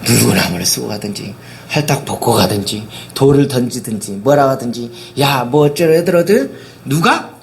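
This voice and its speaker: A man's voice: mid-range voice, lively intonation, normal speed, gravelly, slight background noise. A man preaching a sermon as pastor, constantly asking his listeners rhetorical questions and dramatically acting out the words of biblical figures.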